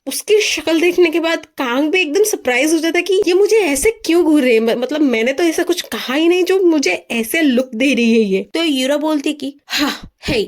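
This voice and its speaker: High-voiced woman narrating a comic recap. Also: normal speed, hardly any pauses. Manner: chatty, animated, laughing asides. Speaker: story narrator.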